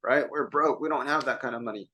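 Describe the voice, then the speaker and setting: A man's voice: medium pitch, fast talker, sharp tone, a little hiss or hum, natural voice. Man doing a mother saying no, firm, tired, matter-of-fact. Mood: stern. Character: weary mother refusing her child, money worries.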